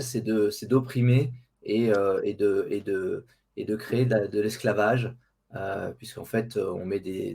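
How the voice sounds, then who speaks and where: A man with a low, gravelly voice chats as an interview guest. He is casual and hesitant, often circling and repeating words as he looks for the right one. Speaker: interview guest, online diet group administrator. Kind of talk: casual conversational interview answers.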